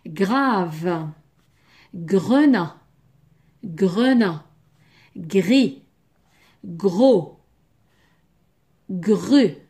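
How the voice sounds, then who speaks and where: A woman teaching French pronunciation, repeating each syllable slowly and clearly in a drilled lesson. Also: medium pitch, animated, dark tone.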